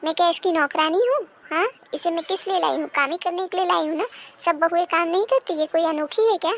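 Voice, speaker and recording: A woman's voice: extremely high pitch, fast, a little hiss or hum. A woman voicing a nagging, self-pitying older mother-in-law in a cartoon. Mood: resentful. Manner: complaining, bitter, self-pitying. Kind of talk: cartoon dubbing.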